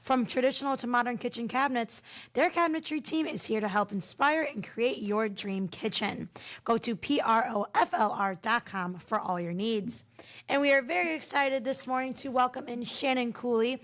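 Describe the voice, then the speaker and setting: A woman's voice: on the high side, moderate pace, fairly bright tone. Woman radio host reading sponsor copy. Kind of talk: radio show hosting. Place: radio studio.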